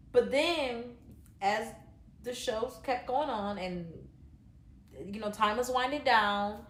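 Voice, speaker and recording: With a voice on the high side in an echoey room, a woman reacts casually to a reality show. Her review rambles, is filled with fillers, and is blunt and sometimes profane.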